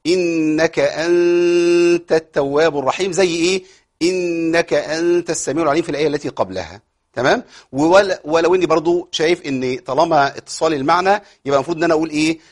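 In this tajweed lesson, an Egyptian-accented male Quran recitation teacher talks fast in a voice on the high side. He lays out rules, asks himself rhetorical questions and answers them, and recites illustrative verses.

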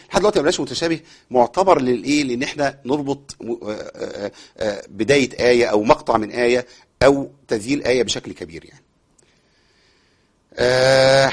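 A man with an Egyptian accent teaching Quran recitation on air. He recites verses slowly, then explains them quickly, and repeats sounds to show how they are said. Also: mid-range voice, husky. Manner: repeats sounds to demonstrate pronunciation. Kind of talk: broadcast recitation lesson with callers.

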